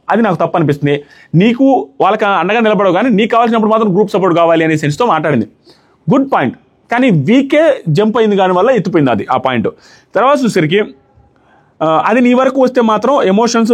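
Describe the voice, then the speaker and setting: A man's voice: high voice, slightly rough. A man giving an argumentative, opinionated commentary on a reality show, mixing English words into his speech.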